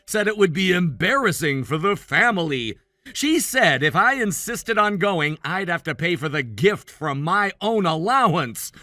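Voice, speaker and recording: A put-upon, exasperated brother played by a man in a family drama story. His voice is high and bright with animated swings as he earnestly complains, in a dry recording. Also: no echo. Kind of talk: acted dialogue in a narrated family drama.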